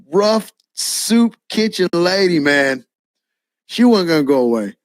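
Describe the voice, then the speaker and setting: A man preaching his own testimony as a lively storyteller, acting out the dialogue and dropping a casual "man" now and then. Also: sits high, takes it slowly, no echo, clean studio sound. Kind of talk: spoken personal testimony.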